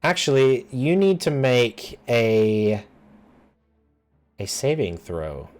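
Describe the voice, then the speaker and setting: A man narrating a tabletop game as game master, unhurried and loose, often pausing with ums and uhs. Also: medium pitch, sing-song, darkish tone.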